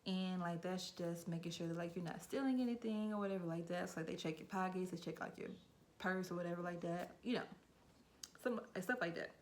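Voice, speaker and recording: A woman's voice: on the low side, a little fast, darkish tone, a little hiss or hum. A young adult woman vlogger telling a casual storytime, chatty and filler-heavy, with a frequent "like".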